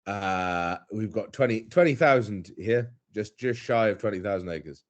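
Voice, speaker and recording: Speaking at normal speed in a fairly low, animated voice, the podcast's guest, a young man called the head stalker, keeps things casual. His thoughtful delivery is hesitant, peppered with fillers and frequent restarts.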